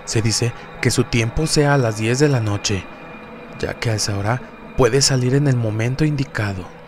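A man's voice: mid-range voice, moderate pace. A man reading a scripted narration about demons as a guest narrator. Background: faint music.

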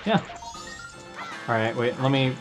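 A man's voice: mid-range voice, lively intonation, measured pace. A man talks his way through a video game in loose, rambling commentary, tripping over repeated words as he thinks. Faint game music plays underneath. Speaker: let's play host. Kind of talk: casual gameplay commentary.

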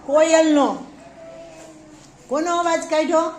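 High-voiced teacher coaxing young pupils. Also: female voice, slow. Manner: asks the children questions and praises answers. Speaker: preschool teacher. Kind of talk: classroom teaching. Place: classroom. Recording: faint background noise.

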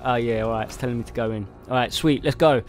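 A man gives relaxed commentary while he plays a game. His voice sits at a middle pitch, and he chats, laughs and mutters to himself as he goes. Quiet game music plays underneath. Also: fast talker. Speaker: gamer playing solo. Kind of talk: casual gameplay commentary. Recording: game music playing faintly behind. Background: faint game music.

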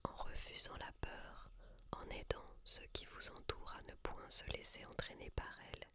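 A woman reading a book aloud in a soft, unvoiced library whisper, with slow, measured and deliberate phrasing. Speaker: reader.

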